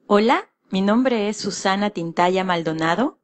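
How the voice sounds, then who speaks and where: A Peruvian woman calmly reads a scripted self-introduction for language learners. She speaks slowly, and the recording is dry and close. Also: medium pitch, no room sound. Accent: Peruvian Spanish. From Peru. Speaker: voice actor in a language lesson.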